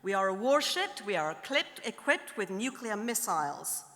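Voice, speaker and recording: A woman's voice: medium pitch, big pitch swings, moderate pace, a bit bright. A woman voicing a stern, commanding male navy captain with an American accent, giving clipped orders in an echoing hall. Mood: insistent. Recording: long hall reverb.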